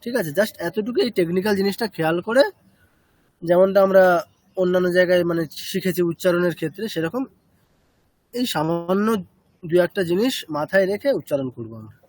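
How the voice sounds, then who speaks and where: A man's voice: high voice, expressive, fairly quick, pauses often, darkish tone, dry recording. A man teaching a chanting class, explaining step by step and checking with short questions.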